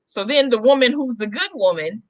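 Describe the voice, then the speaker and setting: A woman's voice: on the high side, expressive, a little fast, dry recording. A woman co-hosting a casual chat podcast, blunt and emphatic. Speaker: podcast co-host.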